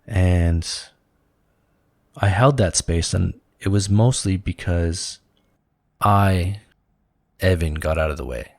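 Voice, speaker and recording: A man with a low, gravelly voice shares a personal story on a spiritual talk show. He talks in an earnest, reflective way and leans on filler words. The sound is dry and close. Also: takes it slowly, pauses often, a little mellow, no room sound. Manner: reflective, earnest, many "you know" fillers. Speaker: podcast co-host.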